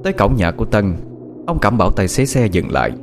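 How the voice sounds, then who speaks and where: A man's voice: on the low side, very animated, fast, noisy background. A man narrating a ghost story in a dramatic, suspenseful way. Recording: soft music behind the voice.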